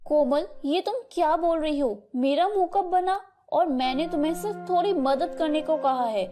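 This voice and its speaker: A woman's voice: high voice, moderate pace, lightly acted. Woman doing a patient young daughter-in-law. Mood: pleading. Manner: gentle, pleading.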